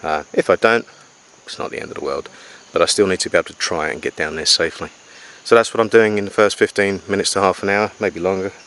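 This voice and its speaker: Recording a casual jungle survival diary beside a river, a man explains things to camera in an unscripted, methodical, matter-of-fact manner. He speaks low, steady, and quick, a bit bright, with hardly any pauses, while crickets and insects hum faintly around him.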